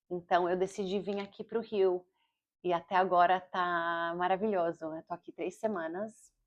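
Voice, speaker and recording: A Brazilian-born woman in her forties with an American-accented Portuguese, talking fast and rambling with self-corrections in a casual video diary. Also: on the low side, a little mellow. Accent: Portuguese with an American English accent. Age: 40s. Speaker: vlogger and comedian. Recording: slightly dull lo-fi audio.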